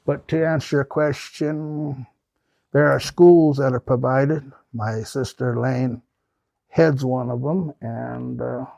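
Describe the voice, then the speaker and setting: In a small hall, an older Pacific Northwest man from the United States shares folksy, meandering stories with an audience and answers questions as a guest speaker. He speaks slowly in a warm mid-range voice with vocal fry and fairly even intonation, recorded dry.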